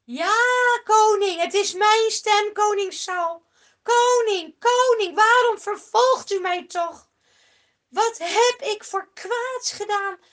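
A woman voicing a young man who shouts loudly across a valley and pleads with a king. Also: very high voice, slow pace, voice pushed up, full character voice. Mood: pleading. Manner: loud, pleading calls.

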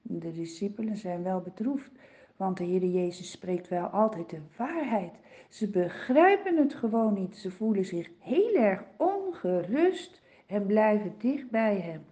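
A woman telling a Bible story for children in a slow, expressive way, on a dull lo-fi recording. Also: mid-range voice. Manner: slow, expressive, swooping delivery.

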